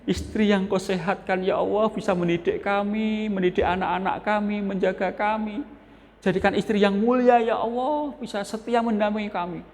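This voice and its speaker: A man's voice: sits high, steady tone, normal speed, darkish tone, voice pushed up. A man voicing a devout pilgrim husband who prays earnestly for his wife. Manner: earnest, heartfelt prayer. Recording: long reverb of a mosque hall.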